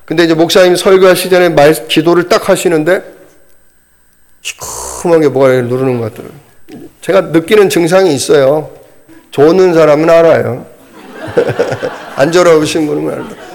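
A middle-aged man preaching a storytelling sermon, animated and wry, laughing at himself as he tells it. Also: a little high.

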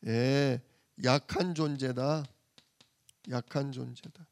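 A man giving a sermon, who asks his listeners questions and answers them himself, dropping to soft asides and then rising again. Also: mid-range voice, steady tone, slow pace, gravelly, dry recording. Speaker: pastor.

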